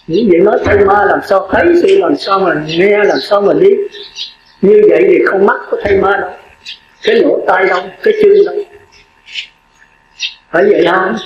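A male Buddhist monk, giving a sermon in which he lists points slowly and asks the audience rhetorical questions. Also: high voice, a little hiss or hum. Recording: roomy, dull lo-fi recording.

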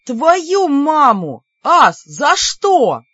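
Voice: mid-range voice, expressive, moderate pace, fairly bright tone, no room sound, lo-fi sound, close to an everyday voice. A narrator doing a hotheaded injured young demon. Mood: groaning, indignant. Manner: groaning, indignant outbursts.

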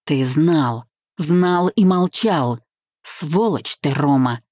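Lady doing the husband in a storybook, low, husky, firm, dry sound. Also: animated, very slow, a little mellow, no room sound, heavily acted. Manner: hoarse, firm. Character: protective young husband, tender yet stern.

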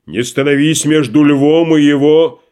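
A man's voice: a little high, fairly even intonation, unhurried, a little mellow, close to an everyday voice. A man voicing a pompous, grandiloquent tragic actor, declaiming theatrically in an audiobook play reading. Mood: indignant declaiming.

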